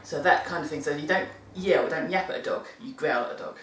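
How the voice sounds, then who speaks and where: Speaking briskly in a deep voice, a British woman offers dog-care tips in a chatty, rambling monthly vlog, often stopping to correct herself mid-sentence. A far-off mic gives a roomy sound with slight background noise.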